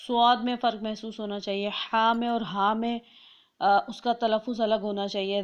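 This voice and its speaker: A woman teaching Quran pronunciation to children's teachers, drawing out each letter slowly for listeners to copy. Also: a little high, clear, resonant tone, muffled recording. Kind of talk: slow instructional pronunciation lesson.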